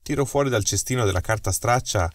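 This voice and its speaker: Low-voiced male audiobook narrator. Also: fast talker. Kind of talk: scripted narration.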